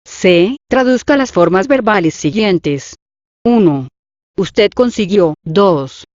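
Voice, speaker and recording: A woman reading out the instructions and numbered items of a language exercise, in a measured, even dictation. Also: mid-range voice, no echo. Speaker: lesson reader. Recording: dull dry lo-fi audio.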